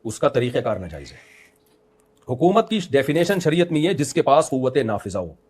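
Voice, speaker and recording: A man's voice: medium pitch, very animated, fairly quick, darkish tone, slightly rough. A middle-aged man with a Pakistani Urdu accent, a religious scholar answering interview questions in an emphatic, lecturing way with joking asides.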